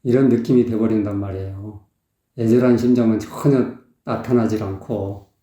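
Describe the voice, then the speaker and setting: Dark-voiced male vocal coach, echoey. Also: lowish voice, fairly even intonation, moderate pace. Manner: explanatory, sings short phrases to demonstrate. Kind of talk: song analysis commentary. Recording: echoey, dull lo-fi sound.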